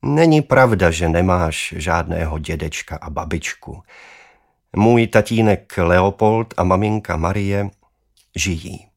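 A man doing a slow, earnest father. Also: deep voice, lively intonation, gravelly. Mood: serious. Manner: slow, careful telling. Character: earnest father of a young boy, calm and confessing.

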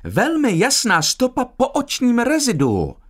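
A man voicing a brisk, theatrical elderly headmistress in a high put-on voice in an audiobook. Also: big pitch swings, fairly bright tone. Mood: excited.

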